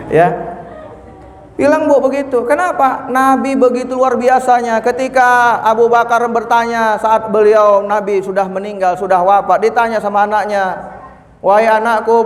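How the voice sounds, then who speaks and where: Male preacher with an edge, high and lively, acts out the voices he quotes; long hall reverb. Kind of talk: sermon. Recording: echoey hall.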